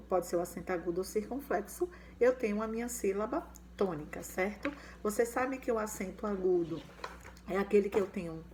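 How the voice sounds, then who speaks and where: In a grammar lesson for young children, a woman with a medium-pitched voice ends nearly every phrase with a questioning check. She says the example words louder and slower, and there's a slight hiss or hum in the audio.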